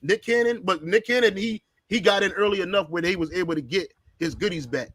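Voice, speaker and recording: A man's voice: sits high, brisk, fairly bright tone, no echo. Fervent man preaching in a dry voice. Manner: preachy, repeats words when starting phrases. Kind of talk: fervent religious discussion.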